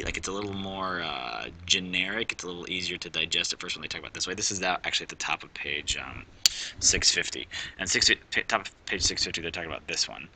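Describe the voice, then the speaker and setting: A man's voice: sits low, sharp tone, a little hiss or hum, low-quality recording. A male math teacher explaining a graph in a casual recorded lesson, rambling, often correcting himself and thinking aloud.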